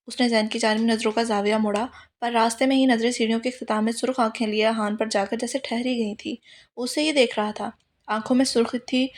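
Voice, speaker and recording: A woman narrating a romance novel in a steady, unhurried reading voice. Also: fairly high pitch. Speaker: novel reader.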